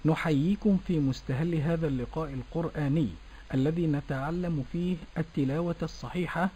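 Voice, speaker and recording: A man's voice: on the high side, brisk, mellow, breathy edge. A man hosting a Quran recitation program, speaking formally and repeating words after his guest. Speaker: radio program host. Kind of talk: formal broadcast presenting.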